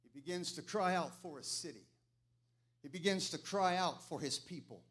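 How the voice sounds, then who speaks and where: High-voiced preacher in full fervor. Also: male voice, normal speed, fairly bright tone. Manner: preaching in rising waves, chanting when fervent. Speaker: pastor. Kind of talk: sermon. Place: church sanctuary.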